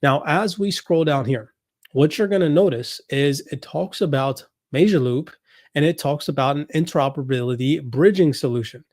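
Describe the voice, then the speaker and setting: A man's voice: fairly high pitch, normal speed, a little mellow, no echo, studio quality. A man hosting a finance commentary video, scrolling through documents on screen, reading passages aloud and stressing the same points again and again. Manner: explains while scrolling, reads passages aloud, repeats points. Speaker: crypto commentary host. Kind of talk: screen-share document walkthrough.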